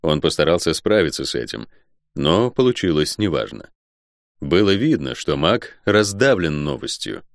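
A man narrating a fantasy audiobook in an expressive storytelling manner. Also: very deep voice, normal speed, no echo, clean studio sound.

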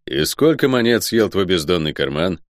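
A weary ranger of few words, voiced by a man in his own low register. He answers in curt, clipped phrases and keeps things plain. The sound is dry and close, as in an audiobook. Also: very animated, moderate pace, no echo. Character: terse weary male ranger from the north.

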